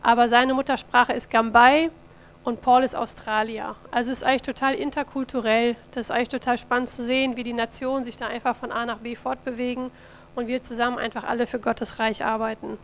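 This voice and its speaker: A woman's voice: fairly high pitch, flat delivery, a little fast, slight background noise. A woman from Germany, a mission office coordinator, giving a friendly church presentation about her work and talking directly to the audience. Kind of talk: church mission report with slides.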